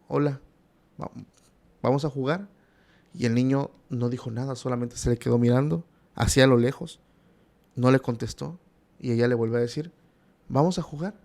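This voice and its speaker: Gravelly man telling a horror story. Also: medium pitch, darkish tone. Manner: conversational storytelling with many asides. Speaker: podcast guest.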